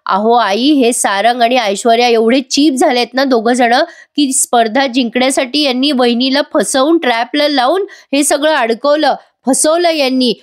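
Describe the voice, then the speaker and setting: A woman's voice: high-pitched, moderate pace, hardly any pauses, lightly acted. A woman voicing an upset young wife urgently complaining to her mother-in-law.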